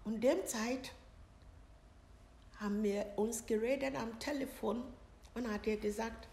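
A middle-aged woman from Ghana giving a personal account in an interview, halting and searching for words in non-native German. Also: on the high side, steady tone, mellow. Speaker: interviewee, mother of the host. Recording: roomy sound with background music.

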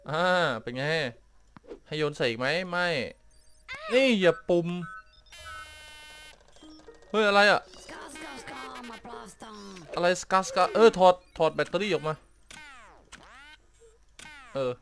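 A man's voice: a little high, expressive, measured pace, pauses often, faint music behind. A man giving casual commentary while playing a puzzle game, often puzzled and exclaiming at what happens on screen. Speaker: gameplay streamer.

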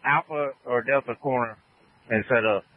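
A man's voice: medium pitch, steady tone, moderate pace, phone-quality sound. A man giving terse radio updates and orders as a fire incident commander over a two-way radio. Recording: band-limited fire radio traffic.

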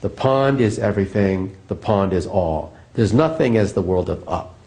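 A man's voice: low voice, expressive, creaky, dark tone, voice pushed down. A man voicing a stubborn, skeptical male scientist fish who insists dismissively that nothing exists beyond what he can see. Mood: scoffing. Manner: dismissive, insistent, slow emphatic.

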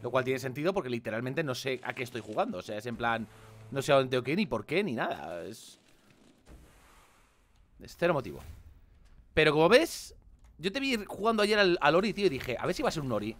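A man with a Spain Spanish accent commenting on a game he plays, animated and swearing, with mock-dramatic outbursts. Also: mid-range voice, fairly quick, pauses often. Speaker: gaming video host. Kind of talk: casual gameplay commentary.

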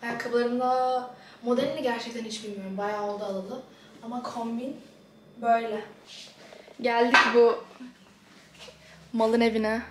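A woman's voice: on the high side, flat delivery, a little slow, pauses often, heavy background noise. A young woman vlogging in casual chat to the camera, blunt and self-mocking, swearing freely as she rambles about her day. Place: at home and out and about.

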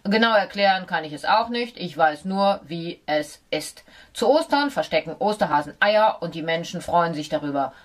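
A gruff male dog from a children's storybook, as a woman reader puts him on, speaking in a lowish, firm voice. He explains things in a lecturing, slightly superior way, as if everyone ought to know already. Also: expressive, moderate pace, hardly any pauses, close to an everyday voice. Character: know-it-all male dog, a bit condescending. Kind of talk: audiobook character voice.

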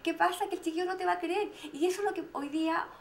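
A woman's voice: very high voice, fast, a little hiss or hum. A woman on a TV panel, explaining parenting in casual chat and often tagging her points with "¿cierto?". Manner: explanatory, with frequent "¿cierto?" tags.

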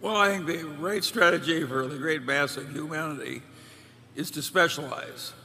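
Blunt, gravelly older man in a hall. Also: on the high side, moderate pace, pushed and bright, a little hiss or hum. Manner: blunt, dry wit. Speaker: vice chairman on stage panel. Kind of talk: unscripted Q&A answers. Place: large hall stage, seated at table. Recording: large reverberant hall, faint ambience.

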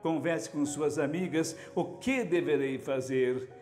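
A man's voice: fairly high pitch, unhurried, darkish tone. A male radio host reads a listener's letter aloud as though it were his own story, plaintive and dramatic. His voice rings with a long echo. Faint music plays under him. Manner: reads in the letter writer's first person, plaintive. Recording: echoey hall with music underneath.

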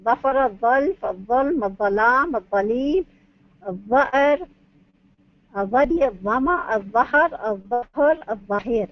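A woman university lecturer, with a somewhat high voice, works through her points in order and poses questions that she answers herself. The recording is dull and lo-fi. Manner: methodical, asks and answers her own questions. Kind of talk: academic lecture on Arabic phonetics.

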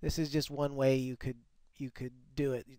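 A man walking through a screen-recorded software tutorial, often restarting and repeating words as he explains. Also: mid-range voice, flat delivery, normal speed, smooth, no echo. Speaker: software developer demonstrating his tool.

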